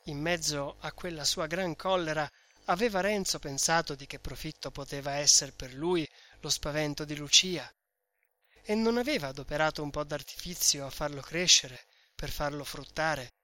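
A man narrating a classic novel aloud in a measured, literary reading. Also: on the high side, pushed and bright.

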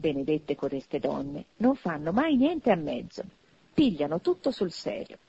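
A woman giving an expressive audiobook narration of a classic novel. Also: deep voice, a little slow, slightly rough, no echo, lo-fi sound. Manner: expressive, animated reading.

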